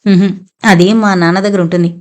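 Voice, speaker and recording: A woman's voice: fairly low pitch, fairly even intonation, a little fast, close to an everyday voice. A woman reading the lines of a proud young mother who answers in indignant, defensive tones.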